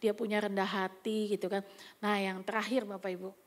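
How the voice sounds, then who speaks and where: A woman's voice: mid-range voice, level tone, fairly quick. A woman pastor, giving a chatty, anecdotal sermon at a church service with occasional whispered asides. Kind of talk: conversational sermon.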